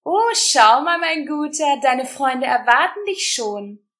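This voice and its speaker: A woman reading a storybook who voices a gloating male creature gang leader with a croaking, mocking voice. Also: sits high, lively intonation, slow, fairly bright tone, voice pushed up, exaggerated voice. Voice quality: croaking groan. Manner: mocking, cruel.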